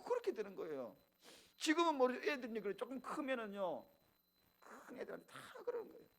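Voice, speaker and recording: Man in his 50s, preacher, high voice with wide animated swings, acts out little family scenes mid-sermon. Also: rough recording. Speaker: pastor. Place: church sanctuary.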